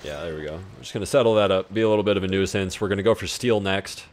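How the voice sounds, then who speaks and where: Low-voiced laid-back gaming man. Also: very fast. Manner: laid-back, talks to himself while playing. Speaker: gaming YouTuber. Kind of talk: casual gameplay commentary.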